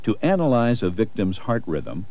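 A man's voice: fairly low pitch, huge pitch swings, moderate pace, background noise. A man reading scripted narration for a training video in an instructional style.

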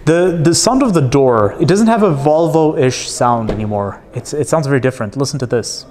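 A man's voice: medium pitch, expressive, moderate pace, darkish tone. A man giving a casual, candid car review walkthrough, chatty with frequent fillers.

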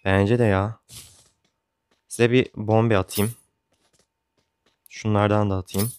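A man's voice: on the low side, little pitch movement, slow pace, a little mellow, smooth. A young man chatting casually as he comments on his own gameplay, joking and grumbling along the way. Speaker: gaming YouTuber.

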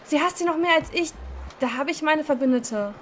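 A woman's voice: high voice, expressive, fairly quick, a little hiss or hum. Playful woman reading a game aloud. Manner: playful, laughing at her own slips. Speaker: let's-play host. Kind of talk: reading a dating game aloud, voicing every character.

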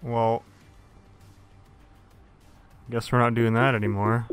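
A man's voice: mid-range voice, flat delivery, slow, smooth, soft background music. A young man chatting over a headset while gaming, exasperated, laughing often and swearing. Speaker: gamer in party chat. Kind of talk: casual chat while gaming.

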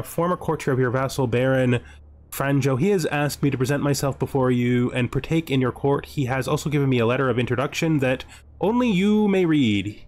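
A man with a mid-range, somewhat dark-toned voice hosts a let's-play, casually commenting on a strategy game. He reads event text and thinks aloud, asking himself questions as he goes.

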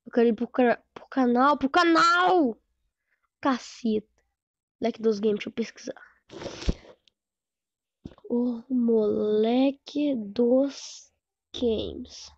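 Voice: medium pitch, darkish tone, dry recording, dull audio. A gaming streamer from Brazil, chatting casually and slangily while reacting to a video. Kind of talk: casual chat over gameplay.

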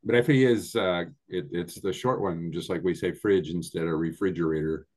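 A man's voice: low-pitched, normal speed, darkish tone. A man hosting an online language class on a video call, explaining patiently and moving between two languages.

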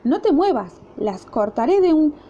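A shrill, scolding wife from a fairy tale, voiced by a woman storyteller with an Argentine accent. She bosses and nags in a high, mellow voice. The recording is muffled with faint background noise. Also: very animated, measured pace. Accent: Argentine Spanish. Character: sharp-tongued, bossy wife.

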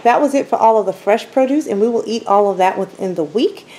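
A woman's voice: medium pitch, fairly quick, warm tone, a little hiss or hum, low-quality recording. A woman talking through her grocery haul for a vlog in her home kitchen, chatty and enthusiastic, with rain faintly outside. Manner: chatty, enthusiastic product rundown. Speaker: vlogger.

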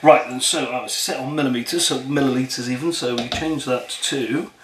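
A man's voice: mid-range voice, fairly quick, a crowd in the background. A man and father chatting playfully as he walks through baking a cake step by step in his home kitchen. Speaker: father and vlogger. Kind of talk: casual home cooking vlog. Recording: echoey kitchen with clattering dishes. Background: clinking cutlery, pots and dishes.

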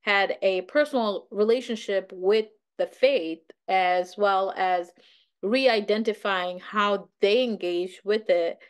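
A woman's voice: medium pitch, takes it slowly, smooth. A woman from Bangladesh sharing her thoughts in a casual book club discussion over a video call. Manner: thoughtful, conversational with filler words.

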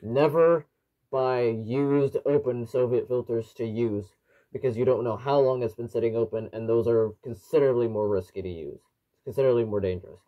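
Muffled by the gas mask he's wearing, a young adult man talks in a mid-range voice at normal speed. He's indoors in his small living room, delivering a rambling, explanatory, casual product review.

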